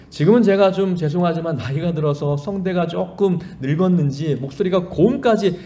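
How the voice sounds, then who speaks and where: A man's voice: high voice, mellow. A middle-aged man preaching a sermon as a pastor, earnest and emphatic, with a mild lisp that makes his s sounds slushy. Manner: earnest exhortation with personal anecdotes, emphatic rises and falling sentence endings.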